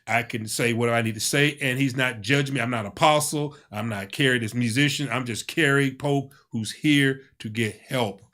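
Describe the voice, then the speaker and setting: A man's voice: medium pitch, moderate pace, few pauses, a bit bright. A man co-hosting a casual couples talk show, speaking emphatically in a preacher-like way and often affirming his partner. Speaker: co-host.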